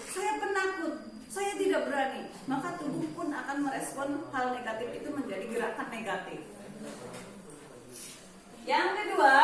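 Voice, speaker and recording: Echoey, high-voiced woman teaching. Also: slight background noise. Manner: animated, stresses key words slowly. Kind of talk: online class lesson. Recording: very echoey room, voice from far off.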